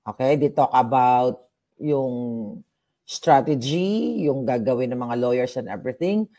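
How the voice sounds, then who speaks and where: Livestream vlogger from the Philippines, casual gossipy chat, mixes in English, talks straight to viewers, mid-pitched voice. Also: animated, unhurried, mellow. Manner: chatty and gossipy, mixing English into the talk. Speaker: political vlogger.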